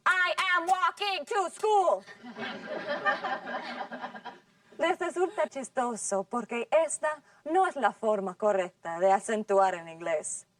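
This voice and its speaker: Slow, clearly enunciating woman teacher. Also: a little high, a little mellow, dry recording, far from the mic. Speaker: English teacher. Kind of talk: scripted language lesson.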